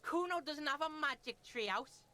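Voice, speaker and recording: A woman's voice: high voice, animated, normal speed, heavy background noise. A woman voicing a foul-mouthed, hostile young boy who curses nonstop and speaks of himself in the third person.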